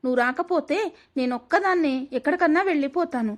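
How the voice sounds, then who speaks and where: A woman's voice: sits high, fast, voice pushed up, lightly acted. A woman voicing an earnest, headstrong young daughter. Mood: pleading. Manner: pleading, earnest.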